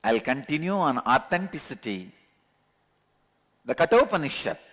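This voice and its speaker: A man with a thick Tamil Indian accent, a native Tamil speaker, giving a religious discourse as a spiritual teacher, emphatically repeating key words with pauses. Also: medium pitch, sing-song, a bit bright. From Tamil Nadu, India. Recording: long hall reverb.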